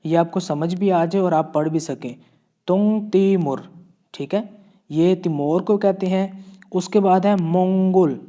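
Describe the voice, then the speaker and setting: A man's voice: high voice, mellow. A man from Pakistan with a Pakistani Urdu accent teaching Korean vocabulary, patiently repeating each word and checking in often. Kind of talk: classroom-style vocabulary lesson.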